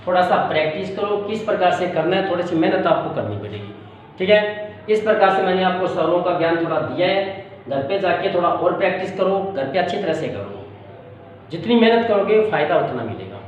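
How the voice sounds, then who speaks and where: A man's voice: high-pitched, lively intonation, fairly quick. A man teaching a shorthand tutorial, patient and repetitive, often checking that students understand. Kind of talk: classroom-style tutorial. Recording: echoey, distant, dull with faint hiss.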